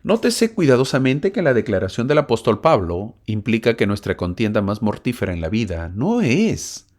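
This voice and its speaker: A man's voice: medium pitch, big pitch swings, moderate pace, darkish tone. A man teaching a church lesson, telling stories, asking listeners questions and reading verses aloud. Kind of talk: recorded scripture lesson.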